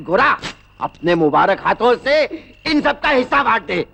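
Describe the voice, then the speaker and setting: A gloating gravelly bandit. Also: male voice, high voice, very animated, normal speed, a little hiss or hum, exaggerated voice. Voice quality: gravelly, laughing loudly. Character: gleeful gravelly bandit, greedy and boastful. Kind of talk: 1980s film acting.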